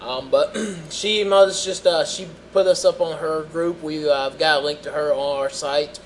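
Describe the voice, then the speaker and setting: A man's voice: a little high, fairly even intonation, moderate pace, a little hiss or hum, low-quality recording. A young man co-hosting a casual podcast, rambling and joking with filler words while he has the hiccups. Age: young adult. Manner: rambling, self-interrupting, jokey. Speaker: podcast co-host.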